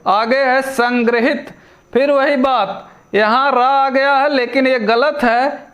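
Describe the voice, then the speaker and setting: Very high-pitched, slow-talking male teacher. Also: steady tone, a bit bright. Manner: poses quiz questions, then answers them himself; repeats each word slowly and deliberately. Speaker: Hindi grammar teacher. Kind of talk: exam-prep spelling lesson.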